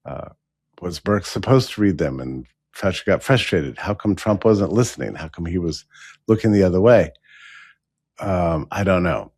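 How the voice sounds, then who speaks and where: A man's voice: low-pitched, expressive, normal speed, a little mellow, slightly rough, no room sound, clean studio sound. A man hosting a show, retelling a past event in a musing, questioning way, wondering aloud. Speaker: show host.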